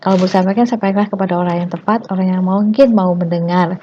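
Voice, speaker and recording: Chatty woman teaching in a mellow voice. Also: fairly even intonation, fast. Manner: acts out overdone greetings in a high squeal; chatty, peppered with tag phrases. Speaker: teacher giving self-development tips. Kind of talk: casual spoken lesson. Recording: muffled low-fidelity sound with faint hiss.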